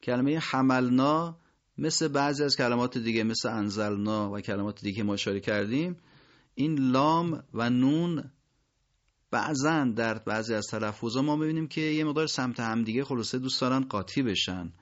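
A man teaching Quran recitation, explaining pronunciation and slowly modelling each word. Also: medium pitch, muffled recording. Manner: slow, drawn-out model pronunciations of words. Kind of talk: pronunciation lesson.

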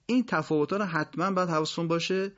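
A man teaching Quran recitation, explaining pronunciation and slowly modelling each word. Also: on the high side, lo-fi sound. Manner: slow, drawn-out model pronunciations of words. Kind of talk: pronunciation lesson.

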